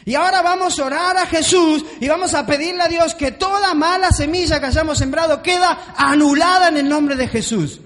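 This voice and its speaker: A man imitating a fiery preacher who shouts an emphatic prayer. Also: normal speed, few pauses. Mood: fervent. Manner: booming, emphatic. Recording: long hall reverb.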